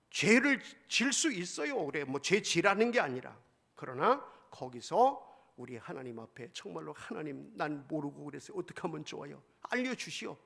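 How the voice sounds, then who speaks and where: Gravelly, high-pitched preaching man. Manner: emphatic preaching, sudden swings from loud to hushed. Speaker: pastor. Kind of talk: sermon.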